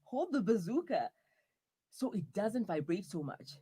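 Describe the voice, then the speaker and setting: Brief: man voicing a touchy young boyfriend stuck in the wrong body, comic audio drama, whiny outbursts, husky tone. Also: sits high, big pitch swings, a little slow, dark tone, pitched above the performer's own voice, heavily acted. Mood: grumbling.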